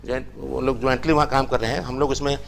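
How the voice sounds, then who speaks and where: A man's voice: mid-range voice, fairly even intonation, racing, vocal fry, slight background noise. An older man teaching a language class, lecturing in a chatty way and telling anecdotes. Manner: chatty, anecdotal, tells stories with acted quotes.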